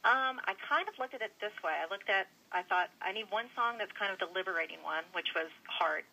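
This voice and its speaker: A woman's voice: mid-range voice, animated, brisk, gravelly, sharp tone. A woman from Kentucky chatting with wry, folksy humor as a radio interview guest over a phone line. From United States, Kentucky.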